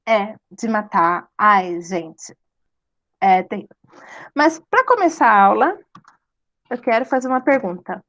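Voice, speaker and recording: A woman's voice: medium pitch, lively intonation, measured pace, pauses often, a bit bright. A woman teaching a live online drawing class, chatty and playful, laughing at her own slips. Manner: chatty, laughing, self-deprecating asides.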